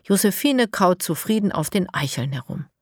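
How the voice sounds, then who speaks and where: A woman narrating a children's audiobook in a calm, measured way. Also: on the low side, no echo, clean studio sound.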